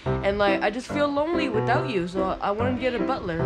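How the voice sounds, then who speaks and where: A woman's voice: a little high, expressive, a little fast, close to an everyday voice. A woman voicing Joseph, a young boy plush toy who talks hesitantly with many fillers. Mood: pleading. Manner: hesitant, lots of fillers, yelling when upset. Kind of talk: plush toy video acting. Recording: loud background music.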